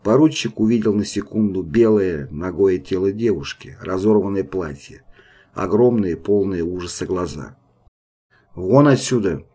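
A man narrating an audiobook in a steady, grave manner. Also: sits low, normal speed. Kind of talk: scripted narration.

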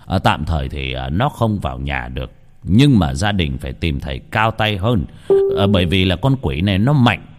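A man voicing an elderly male village exorcist who speaks haltingly, pausing often with drawn-out filler sounds. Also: low voice, big pitch swings. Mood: grave. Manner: halting, filling pauses with drawn-out "à".

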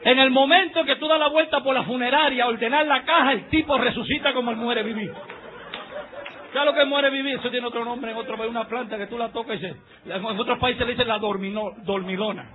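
A man preaching a sermon as pastor, fiery and mocking, swinging up into shouts. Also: extremely high pitch, fairly even intonation, a little fast, phone-quality sound. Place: church service.

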